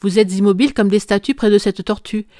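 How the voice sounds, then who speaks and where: A woman reading an audiobook voices a stern aristocratic mother who speaks in a measured, reproachful way. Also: mid-range voice, steady tone, dark tone, no echo, clean studio sound, natural voice.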